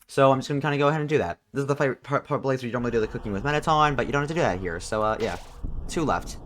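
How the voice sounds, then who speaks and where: A man's voice: medium pitch, rapid-fire, a bit bright, a little hiss or hum. A young man hosting his own gaming channel, chatting casually and thinking aloud as he plays. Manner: rambling, thinking aloud with fillers. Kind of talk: casual let's-play commentary.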